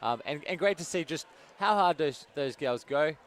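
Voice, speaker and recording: A man's voice: a little high, lively intonation, normal speed, a little hiss or hum. Earnest male co-commentator outdoors. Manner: earnest, enthusiastic, praising. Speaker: co-commentator and league representative. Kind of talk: sports commentary. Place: outdoor sports ground.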